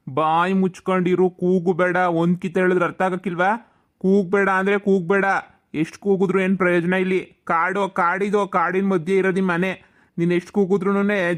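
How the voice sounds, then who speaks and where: A performer voicing a gruff male ghost in a cartoon who scolds and lectures in a commanding way. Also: mid-range voice, lightly acted. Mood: threatening. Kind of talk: cartoon voice acting.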